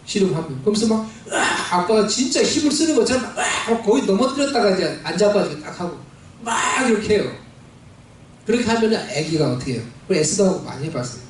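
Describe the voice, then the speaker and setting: A man preaching a sermon in a church, his voice pitched fairly high. He asks the congregation questions and acts out quoted lines as he tells the story. The sound is heavily echoing and picked up from some distance. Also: animated, fast, slight background noise. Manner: preaching with call-and-response questions and dramatized quotes. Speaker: pastor. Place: church sanctuary. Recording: very echoey hall, voice from a distance.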